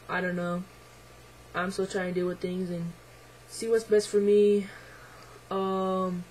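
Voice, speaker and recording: This casual video diary comes from a young man whose voice is still changing, midway through deepening and not quite settled. Quiet and reflective, he hesitates often with lots of ums and likes. The recording is rough, carrying a little hiss or hum.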